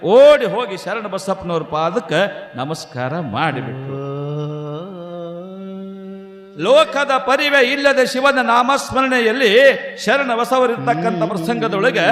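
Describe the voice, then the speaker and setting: A man telling a devotional story in a sung and spoken style, swinging between loud high pleading and low hushed asides. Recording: echoey hall, long reverb.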